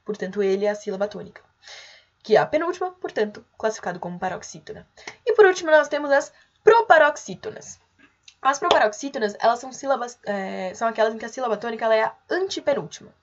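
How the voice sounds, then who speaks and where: A young adult woman teacher with a fairly high voice walks students through a grammar lesson. She explains in a patient, clear way and calls out the example words as she goes. The recording sounds muffled and lo-fi. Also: animated, quick pace.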